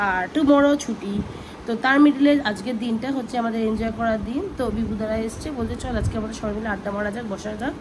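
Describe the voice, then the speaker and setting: A woman, rambling through a casual family vlog at home and often saying "anyway". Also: a little high. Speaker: family vlogger, mother of twins. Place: at home, indoors. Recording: noisy home ambience.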